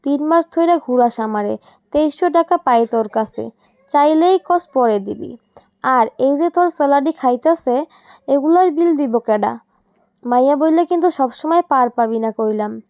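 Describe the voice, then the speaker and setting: A woman's voice: sits high, a little slow, a little mellow, no room sound. A woman doing a grumpy male tea-stall keeper. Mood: scolding. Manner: scolding, rough-tongued.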